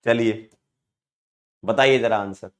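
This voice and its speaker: A man's voice: lowish voice, slow pace. A man from India teaching chemistry in a live online class, playful and teasing, counting aloud as he explains.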